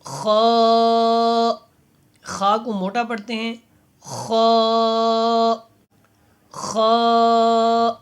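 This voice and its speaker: A man with a high, somewhat bright voice gives a step-by-step Quran reading lesson, slowly drawing out each letter and then explaining its pronunciation. Patient and instructive, he asks learners to repeat after him.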